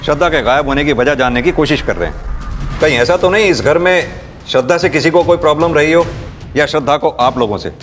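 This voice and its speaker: An actor playing a senior police officer who questions people firmly in a TV crime drama. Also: male voice, fairly high pitch, fast talker, a bit bright, faint music behind, close to an everyday voice. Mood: authoritative. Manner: firm, interrogating. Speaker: police inspector.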